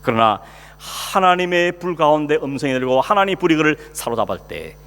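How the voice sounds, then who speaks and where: A man's voice: fairly high pitch, very animated, a little fast, a bit bright. A male pastor preaching a sermon in a conversational way, asking the congregation questions and acting out quoted speech. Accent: Korean. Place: church sanctuary. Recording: long hall reverb, faint hum.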